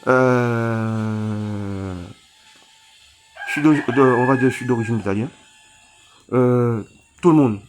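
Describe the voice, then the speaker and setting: A man from Réunion speaking straight to his viewers, halting and full of restarts, pleading for help after a cyclone. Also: mid-range voice, steady tone, slight background noise. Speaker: vlogger appealing for donations. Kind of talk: emotional appeal to camera.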